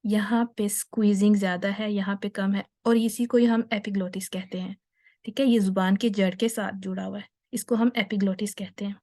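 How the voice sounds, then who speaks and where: A young woman teaches tajweed in an online class, with a voice of middle pitch. She explains step by step and patiently, slipping English terms into her talk. She sounds out letters slowly so learners can copy them. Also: fairly even intonation, a little mellow. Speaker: Quran recitation teacher.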